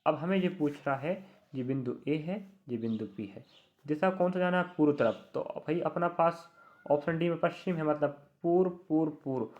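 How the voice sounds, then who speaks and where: Man, young adult, online reasoning teacher, fairly high voice, talks straight to students, repeats himself, dull lo-fi audio. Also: moderate pace. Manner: addresses students directly, repeats key words, reassuring. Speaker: exam coaching teacher.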